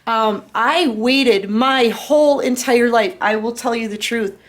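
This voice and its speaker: A woman's voice: on the high side, a little slow. A woman in her fifties giving a tarot reading to her viewers, earnest and personal, often checking in with "okay?" and "right?". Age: 50s. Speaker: tarot reader. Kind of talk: casual spiritual reading to camera.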